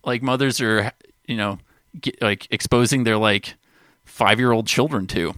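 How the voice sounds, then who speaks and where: Low voiced podcast dude, amused, chatty, dry mic sound. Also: male voice, fairly even intonation, a little slow, a bit bright, no echo. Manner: amused, enthusiastic with fillers. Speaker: podcast co-host. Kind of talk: casual chat.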